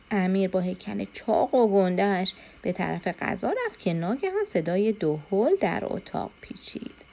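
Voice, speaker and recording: A woman storyteller reading a children's folk tale aloud. Her voice sits a little low, and her delivery is steady and clear throughout.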